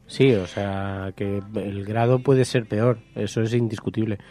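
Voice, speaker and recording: A man's voice: lowish voice, flat delivery, a little slow, mellow. Joking radio host man. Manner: jokey storyteller, playful teasing. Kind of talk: casual radio chat.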